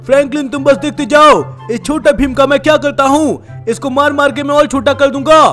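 A man's voice: extremely high pitch, fairly even intonation, brisk, fairly bright tone, soft background music. Man doing a swaggering kid cop hero. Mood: threatening. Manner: swaggering, declares catchphrases. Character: brash young kid police hero. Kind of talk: gameplay voice role-play.

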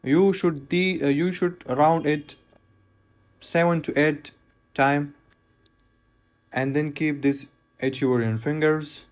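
Slow-talking man explaining knot tying. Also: on the high side, fairly even intonation. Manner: plain, repetitive step-by-step instructions with non-native phrasing. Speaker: fishing knot instructor. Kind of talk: hands-on tutorial voice-over.

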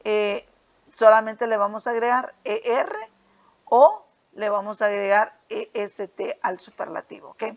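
A woman's voice: medium pitch, fairly even intonation, a little slow. A woman teaching English grammar to school students, explaining a worksheet step by step and checking in often with "ok?" and "right?". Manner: patient, repeats "¿ok?" and "¿verdad?" often. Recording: dull lo-fi sound.

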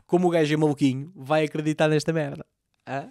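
A Portuguese man with a Lisbon accent, a comedian recapping a TV series with crude, sarcastic and animated commentary, acting out the characters. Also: fairly high pitch, fast talker, no room sound, clean studio sound. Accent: European Portuguese, Lisbon. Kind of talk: comic commentary.

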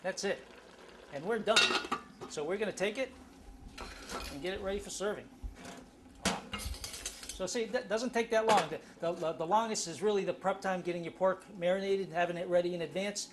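Cooking in his own kitchen for a home show, a middle-aged host talks eagerly through the dish, stuffing his speech with fillers. He sits high in pitch at a normal speed, pausing often, against audible background noise.

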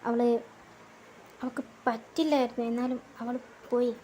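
A woman voicing a calm, sly young man friend who talks in a measured, soothing way in a fan audio drama. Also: natural voice. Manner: measured, soothing, low and steady.

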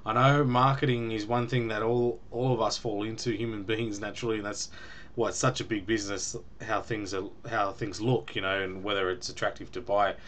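A man's voice: lowish voice, level tone, a little fast, hardly any pauses, a bit bright, a little hiss or hum. A young man casually reviewing a beer at home on a webcam, chatty and rambling with ums and small laughs. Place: small room at home, indoors.

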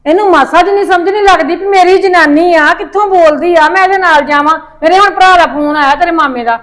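High-voiced scolding middle-aged woman. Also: brisk, a bit bright. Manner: scolding, complaining rant. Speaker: mother-in-law in a family drama. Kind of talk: Punjabi family drama acting.

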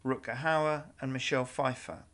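Male narrator for a travel guide video, measured delivery with wry asides, mid-range voice. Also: mid-range voice, steady tone, fairly bright tone.

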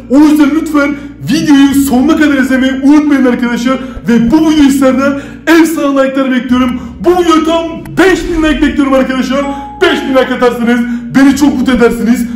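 A male YouTuber at home, chatting excitedly to viewers, loudly claiming to be scared and swearing now and then. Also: very high-pitched. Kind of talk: staged scary chat to viewers. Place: indoors at home. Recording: roomy echo with faint music.

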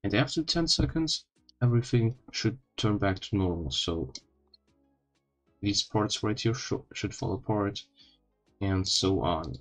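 Slow, slightly impeded low-voiced man. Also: animated, a bit bright, soft background music. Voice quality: slightly odd, impeded speech after wisdom teeth removal. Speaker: tutorial host. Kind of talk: informal screen-recorded coding tutorial.

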